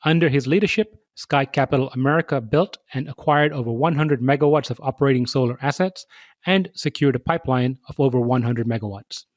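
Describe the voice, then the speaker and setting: A man hosting a podcast interview, reading measured, scripted introductions and asking questions. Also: mid-range voice, no room sound, clean studio sound. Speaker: podcast host.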